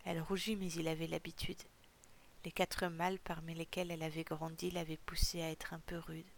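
A woman narrates a storybook chapter in a measured, steady way. Her voice is low and gravelly, and its melody stays quite flat. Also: slight background noise. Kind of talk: audiobook narration.

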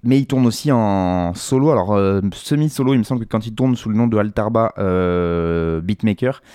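A man's voice: on the low side, normal speed, warm tone, smooth, no room sound, clean studio sound. A man hosting a music show, reviewing an album in a casual, hesitant way with many fillers and restarts.

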